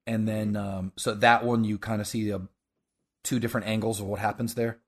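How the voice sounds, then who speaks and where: A man hosting a casual podcast, talking about a show in a halting, enthusiastic way. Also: fairly low pitch, flat delivery. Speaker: podcast host.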